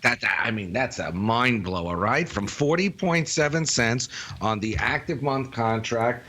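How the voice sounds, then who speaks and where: A man with a Brooklyn accent giving live market commentary as a guest analyst, in an emphatic, colloquial way with halting phrasing. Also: mid-range voice, animated, bright, forceful tone.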